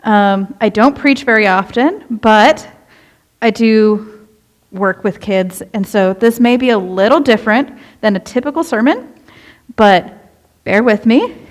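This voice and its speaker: A young youth minister delivers a relaxed, talkative sermon in a church sanctuary, keeping it relatable and asking questions of the congregation. Her voice is on the high side and she speaks a little slowly.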